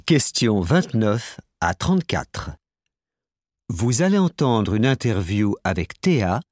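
A man reading listening-exam instructions in a slow, deliberate way. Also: on the low side, a little mellow, dry recording, clean studio sound. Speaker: exam announcer.

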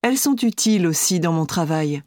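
A woman playing an architect in a scripted listening-exam interview, speaking clearly and steadily. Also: lowish voice, animated, fairly quick, a little mellow, no echo, studio quality, lightly acted. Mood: calm. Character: adult woman architect, friendly and composed.

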